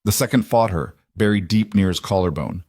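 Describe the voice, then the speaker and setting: A man narrating a scripted audiobook romance story in a measured, dramatic storytelling manner. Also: fairly low pitch, darkish tone, no room sound, clean studio sound.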